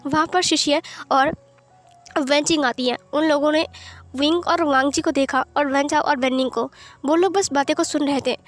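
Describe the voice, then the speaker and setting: High-voiced woman narrating fan fiction. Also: fairly even intonation, normal speed, soft background music. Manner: plain conversational reading. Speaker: storyteller.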